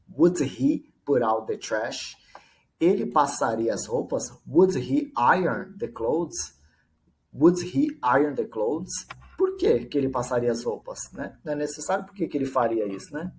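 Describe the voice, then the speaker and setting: A man with a Brazilian Portuguese accent teaching English. He explains in Portuguese, repeats each English phrase slowly for practice, and keeps checking in with short tag questions. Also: medium pitch, a little mellow. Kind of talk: language lesson.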